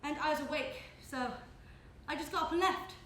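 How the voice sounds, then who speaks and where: Performing live on an indoor theatre stage, a student actor in her young adult years portrays a gentle woman who has lost her memory. Her high-pitched delivery is halting and hesitant, circling back over the same phrases in a dazed, searching mood, and the roomy recording picks up background noise.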